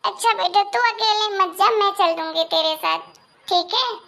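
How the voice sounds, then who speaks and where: A doting older mother speaks in a soothing, indulgent way, voiced by a woman. The voice is very high and bright. It is a cartoon moral story. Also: moderate pace, heavily acted. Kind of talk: Hindi moral story voice acting.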